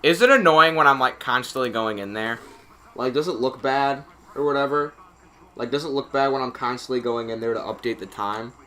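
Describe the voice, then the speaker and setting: A man calling a hockey game casually, play by play, getting excited on big plays and chatting in asides with filler words. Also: medium pitch, a little fast. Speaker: amateur play-by-play commentator. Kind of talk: casual live game commentary.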